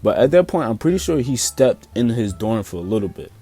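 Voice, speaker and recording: A man's voice: mid-range voice, big pitch swings, a little fast, dark tone, husky, faint music behind. A young man with a Philadelphia accent telling a story in a loose, profane, slang-heavy way, full of fillers and restarts. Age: young adult. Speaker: storyteller vlogger. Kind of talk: casual storytime.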